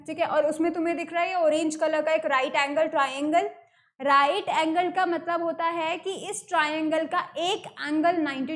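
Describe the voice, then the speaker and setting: An Indian woman teaching an online math lesson, explaining step by step and repeating key terms, mixing English words into her talk. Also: high voice. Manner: mixes English terms into Hindi.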